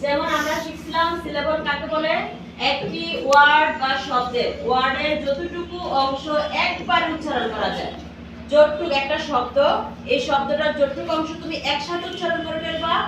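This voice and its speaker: Female teacher, higher voice, drills a class with call-and-response; echoey room, distant mic, noisy. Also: fairly even intonation, moderate pace. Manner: repetitive, drills pupils with questions.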